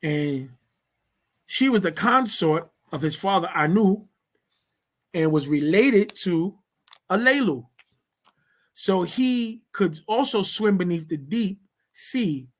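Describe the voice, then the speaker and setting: A reader works through a text aloud in a slow, deliberate delivery. The voice sits in a middle pitch. Each passage is followed by casual commentary that explains it. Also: expressive. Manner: reads passages, then explains them in casual speech. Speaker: reader leading a study session.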